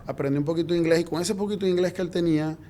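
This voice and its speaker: A middle-aged man from Venezuela, a guest in an interview, telling his story in a lively way and acting out the dialogue. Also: fairly high pitch, racing, a little hiss or hum. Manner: lively anecdotal, acts out quoted dialogue.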